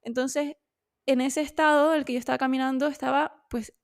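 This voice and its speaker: A woman co-hosting a podcast speaks candidly in casual conversation, loose and chatty with lots of fillers. Her voice is a little high, brisk, and fairly even in intonation, and the sound is dry and close with no echo.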